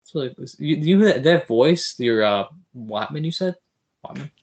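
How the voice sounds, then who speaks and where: A man's voice: fairly high pitch, lively intonation, unhurried, a little mellow, slightly rough. A man hosting a podcast interview, joking and enthusiastic in casual chat. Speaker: podcast host.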